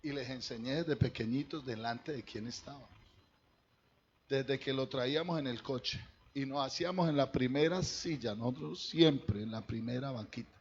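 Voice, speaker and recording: A man's voice: mid-range voice, moderate pace, husky, highs cut off. A man, a pastor preaching a sermon to his congregation in a conversational way, talking straight to them. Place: church.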